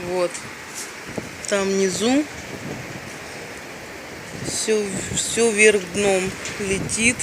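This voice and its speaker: A woman films a casual outdoor vlog from a balcony as strong wind batters the microphone. She talks slowly and off the cuff, dropping exclamations between her remarks. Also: medium pitch, fairly even intonation. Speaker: amateur vlogger filming from a balcony. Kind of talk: casual spontaneous narration to camera. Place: outdoors on a windy high balcony. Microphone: handheld camera mic buffeted by wind. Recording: loud wind noise buffeting the microphone.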